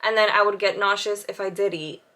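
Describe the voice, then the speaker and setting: A woman in her thirties talks to her camera in a relaxed, chatty vlog. Her voice is bright and sharp, and she laughs easily and fills her pauses with ums. She keeps talking while she does her makeup. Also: medium pitch. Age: 30s. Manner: chatty, laughs often, many fillers. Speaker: vlogger. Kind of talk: casual chat to camera. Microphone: camera with side viewfinder.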